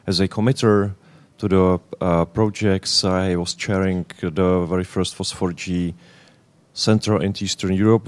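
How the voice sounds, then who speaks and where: A man in his thirties from the Czech Republic with a Czech accent, giving a conference presentation in halting English, often searching for words. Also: deep voice, clear, resonant tone. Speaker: conference speaker.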